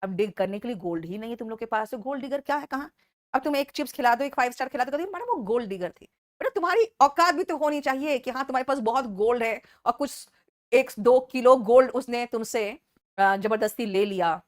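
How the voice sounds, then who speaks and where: Woman English teacher, fairly high voice, Indian English, brisk and scolding with students. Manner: scolding, teasing students, calls them beta; slow, deliberate reading of English example sentences. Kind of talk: online class lecture.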